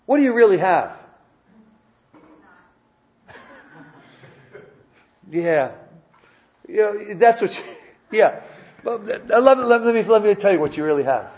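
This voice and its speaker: In a lo-fi recording, a high-pitched, slightly mellow male pastor delivers a church sermon slowly, with lively intonation and long pauses. He stammers through repeated restarts and puts conversational questions to his congregation.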